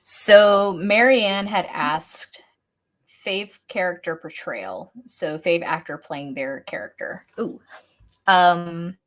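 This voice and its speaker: A woman's voice: on the low side, slow pace, a bit bright. A woman in her thirties joining a casual livestream chat as a guest, giggly and bubbly, on a video call mic. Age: 30s. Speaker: guest co-host.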